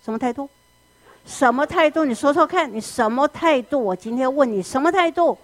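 Woman doing a shrill scolding mother. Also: expressive, a little mellow, dry recording. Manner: shrill, nagging, rapid-fire questions. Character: scolding furious middle-aged mother.

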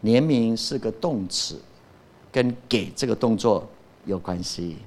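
A man's voice: on the low side, expressive, a little slow, a little mellow. A man preaching a sermon as pastor, emphatic, often asking the congregation a question and answering it himself.

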